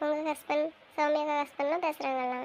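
A young woman acting a naive, earnest girl who pleads softly about a crush in an amateur drama. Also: sits high, steady tone, quick pace, a little hiss or hum. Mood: pleading.

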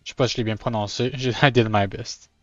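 A man's voice: medium pitch, fairly even intonation, quick pace, a bit bright, no room sound, dull audio. A man with a Québécois French accent chatting casually on a live stream while drawing, often stammering and restarting, with English words mixed in.

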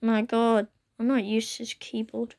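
Rain can be heard outside as a young gaming host films her laptop screen on a phone at home, offering casual commentary on her game. Her croaky voice sits on the high side, monotone and a little mellow at normal speed, yet she chats freely and exclaims a lot.

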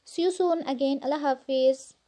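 A woman with a Pakistani accent presents a craft showcase as a channel host. Her voice sits high, with a dark, mellow tone. The delivery is that of a scripted voice-over. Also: moderate pace.

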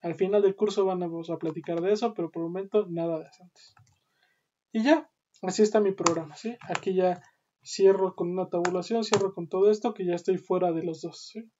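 A woman's voice: lowish voice, steady tone, fairly quick, mellow. A woman teaching a programming class, explaining step by step and often checking in with "¿sí?". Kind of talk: screen-recorded coding lesson. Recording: dull lo-fi audio with clear background noise and keyboard typing.

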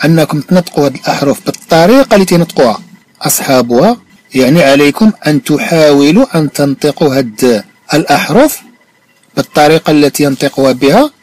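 In an animated, somewhat high and slightly mellow voice, a man with a Moroccan Arabic accent reads lesson phrases slowly, explains them and checks comprehension. There is no room sound.

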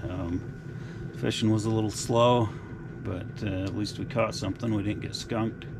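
A middle-aged man giving relaxed, folksy updates in a casual outdoor vlog, recorded on a camera mic. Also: on the low side, moderate pace, noisy background. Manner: laid-back, folksy updates. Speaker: outdoor vlogger. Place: frozen lake outdoors and inside an ice-fishing tent.

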